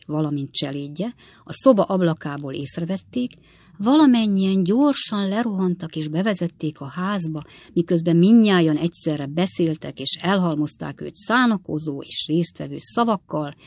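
A woman narrating an audiobook of a classic novel in an even, measured reading. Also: fairly low pitch, dry recording, studio quality.

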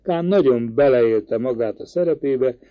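A man narrating a novel as an audiobook in a measured, even reading. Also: medium pitch, no room sound. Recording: dry, slightly dull recording.

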